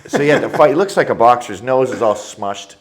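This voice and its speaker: A man's voice: mid-range voice, animated, a little fast. A middle-aged man, telling stories as an interview guest in a crude, joking, provocative way. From Canada. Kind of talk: casual interview storytelling.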